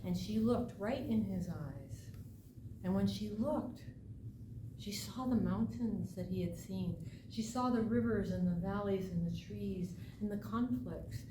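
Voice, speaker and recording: Slow, echoey woman storyteller. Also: mid-range voice. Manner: dramatic, deliberate, with emphatic phrases and pauses. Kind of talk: live oral folk tale telling. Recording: echoey, distant mic, noisy room ambience.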